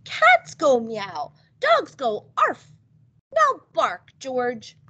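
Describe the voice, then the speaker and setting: A woman's voice: high voice, huge pitch swings, drawn-out words, pushed and bright, dull audio, pitched above the performer's own voice, heavily acted. A woman reading the lines of a patient, firm mother dog in a storybook read-aloud. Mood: patiently firm.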